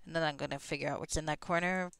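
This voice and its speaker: A woman's voice: sits low, fairly even intonation, rapid-fire, gravelly, fairly bright tone. A woman giving casual gameplay commentary as a streamer, musing wryly to herself with plenty of swearing. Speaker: game streamer. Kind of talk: casual gameplay commentary, reading dialogue aloud.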